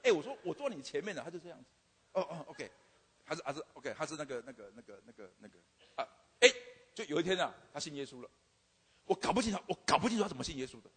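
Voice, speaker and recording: An older man, a teacher, tells a church audience comic stories about his students, stammering through repeats and filler "OK"s. His voice is high and somewhat husky. A long reverb trails off in a large hall. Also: very animated, fast, fairly bright tone. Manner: stammering repetitions, frequent "OK" fillers. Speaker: university teacher giving a testimony. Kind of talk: humorous testimony storytelling.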